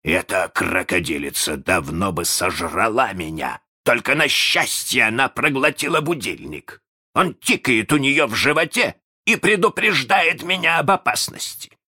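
A man's voice: on the low side, expressive, unhurried, pushed and bright, slightly rough, heavily acted. A man voicing a menacing, proud and hot-tempered male pirate captain in a storybook reading, speaking passionately with barking outbursts. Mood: fretful.

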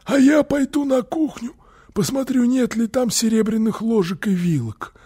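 A sneaky young burglar from a storybook , as a male narrator puts him on. He speaks in a hoarse, breathy whisper lifted high above a normal voice, mellow in tone and sly in manner. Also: moderate pace. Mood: scheming. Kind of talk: audiobook character voice.

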